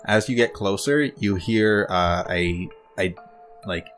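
Deep-voiced man narrating as game master. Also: fairly bright tone, soft background music. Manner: halting, full of fillers and restarts.

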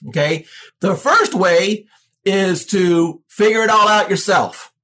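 Male coach, husky and lively, a bit high, pushy straight-to-camera sales pitch. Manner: animated, pushy, direct to viewers. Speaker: real estate coach. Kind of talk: livestream sales coaching talk.

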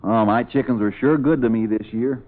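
An actor playing a shy, earnest country pig farmer with folksy, hesitant politeness in a 1940s radio comedy. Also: male voice, mid-range voice, brisk, natural voice. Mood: bashful, hopeful. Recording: muffled vintage radio recording.

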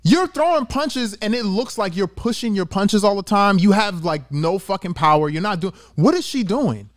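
A man's voice: sits high, lively intonation, normal speed, no echo, clean studio sound. A man hosting a casual sports podcast, arguing his points with repeated phrases and some swearing. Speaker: podcast host. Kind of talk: casual sports commentary chat.

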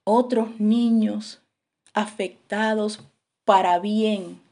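A woman's voice: mid-range voice, steady tone, extremely slow, a little mellow. A woman preaching a sermon and telling a story dramatically, acting out the quotes as she goes.

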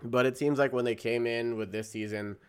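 A man's voice: medium pitch, fairly even intonation, fairly quick, clear, resonant tone. A man co-hosting a podcast in casual chat, rambling, trailing off mid-sentence and laughing often. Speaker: podcast co-host.

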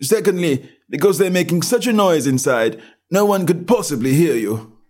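Frog footman, stolid and unbothered, solemn high drawl, voiced by a male reader. Husky edge. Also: lively intonation, normal speed, a little mellow.

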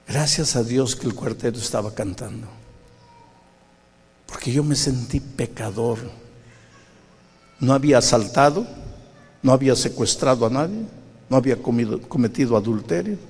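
A man with a Peruvian Spanish accent preaching a sermon as a pastor. He tells a story with animation, swinging between loud and hushed delivery. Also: mid-range voice, normal speed, pauses often, breathy edge, in a large hall. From Peru.

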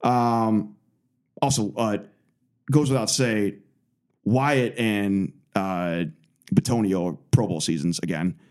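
A man's voice: lowish voice, takes it slowly, pauses often, a little mellow. A man co-hosting a sports podcast, talking in a loose, rambling way with lots of fillers. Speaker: podcast co-host. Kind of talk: casual sports chat.

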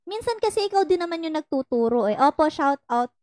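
A woman's voice: high-pitched, big pitch swings, a little fast, a little mellow, dry recording. A young Filipino woman hosting a casual advice talk, teasing and laughing often as she mixes in English. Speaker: podcast host giving love advice.

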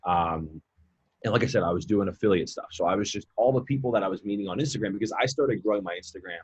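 Speaking fast as a podcast guest, a late-twenties mindset coach rambles casually with lots of fillers and repeated words. His voice is on the low side with a breathy edge, and the highs are cut off in the recording.

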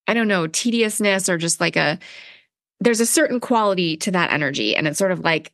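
A woman co-hosting a podcast in casual conversational talk, earnest and expressive, often acting out quoted speech. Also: on the low side, fairly quick, dry recording, studio quality. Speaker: podcast co-host.

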